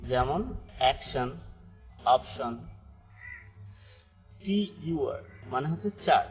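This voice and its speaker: A man's voice: on the high side, poor audio. A man teaching an English pronunciation lesson, explaining step by step and often checking in with "right?". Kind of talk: spoken language lesson.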